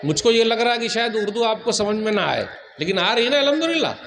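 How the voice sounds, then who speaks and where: A male Islamic preacher delivering a sermon to a large gathering, teasing the crowd with questions and reciting hadith quickly. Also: high-pitched, expressive, fairly bright tone, a little hiss or hum. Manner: asks the crowd questions, jokes and teases.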